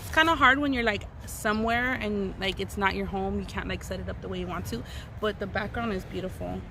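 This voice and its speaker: A woman's voice: mid-range voice, fairly quick. A woman chatting casually and informally to camera as an eating-show host, peppering her talk with slangy exclamations. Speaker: mukbang vlogger, host. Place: outdoors in a park. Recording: clear outdoor ambient noise. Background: outdoor ambience, wind.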